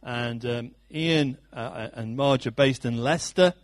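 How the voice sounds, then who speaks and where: A man leading a church meeting, introducing a guest speaker and then praying, in a relaxed way with many pauses and fillers. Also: medium pitch, no room sound. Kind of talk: introduction and prayer.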